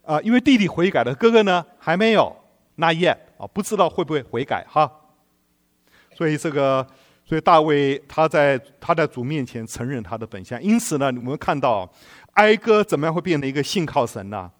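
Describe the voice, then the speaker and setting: Lively, animated male preacher. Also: on the high side, a little fast. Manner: animated storytelling with rhetorical questions to the congregation. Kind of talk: sermon.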